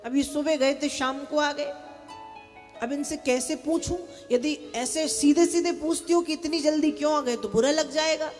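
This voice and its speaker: A high-voiced woman, a devotional storyteller, preaches at normal speed in a large hall before a live audience. She's animated and urges the crowd to chant and clap, with long hall reverb and faint music in the recording.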